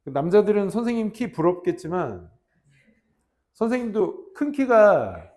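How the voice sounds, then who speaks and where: Animated Korean teacher man storytelling. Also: high voice, measured pace. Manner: animated, acts out barked army roll calls. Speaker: English teacher. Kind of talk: casual classroom storytelling.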